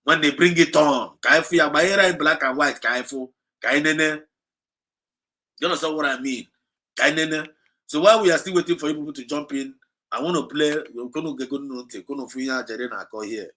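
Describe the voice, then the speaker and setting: With a fairly high, bright and forceful voice, a Nigerian-accented livestream host speaks a little fast as he rallies his audience. He drives his points home through repetition, alternating between English and Igbo.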